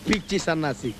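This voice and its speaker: An actor playing an excitable, panicky comic man in a film, wailing and fussing in a high, whiny voice. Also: background noise. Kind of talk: film comedy acting. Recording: film soundtrack with music underneath.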